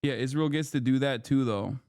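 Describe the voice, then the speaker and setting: A man's voice: medium pitch, brisk, darkish tone, no room sound, studio quality. A man who grew up in Turkey, reacting to news clips on his live stream in a heated, sarcastic and profane way.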